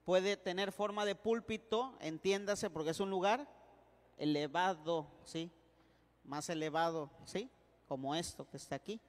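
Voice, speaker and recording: A man's voice: high voice, a little slow. A priest teaching a class in a playful manner, checking again and again that his students follow him. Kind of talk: classroom lecture. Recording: echoey hall.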